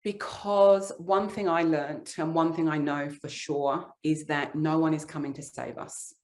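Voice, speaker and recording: A woman's voice: low-pitched, steady tone, measured pace, darkish tone. Earnest woman telling leadership stories. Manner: earnest, reflective storytelling. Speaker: author and leadership guest. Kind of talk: interview answers.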